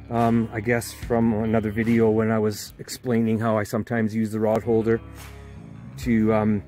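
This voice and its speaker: Relaxed man explaining fishing gear outdoors. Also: mid-range voice. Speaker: fly fishing show host. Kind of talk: casual outdoor vlog talk. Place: outdoors on a lake.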